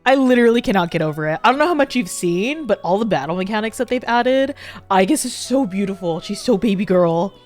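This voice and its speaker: A woman's voice: mid-range voice, lively intonation, brisk, soft background music. A young woman streaming a game, chatting casually and giggling with her viewers.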